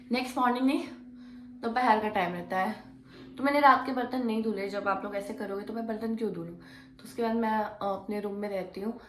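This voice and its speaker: A woman's voice: fairly high pitch, slight background noise. A young woman vlogger casually recounting a story, acting out the quoted arguments as she goes. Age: young adult. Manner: animated retelling, acts out quoted arguments. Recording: echoey room.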